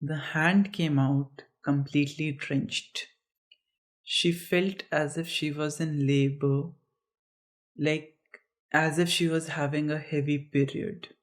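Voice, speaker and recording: Reading their own dark fiction, this person keeps a slow, deliberate pace and a steady, mid-range tone. They occasionally trip up and restart, and they break away between passages for chatty, self-deprecating remarks.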